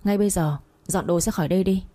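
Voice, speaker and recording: A woman's voice: fairly low pitch, fast talker, warm tone, no room sound, natural voice. A woman voicing a scornful older mother-in-law who scolds and sneers in a storybook reading. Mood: sneering.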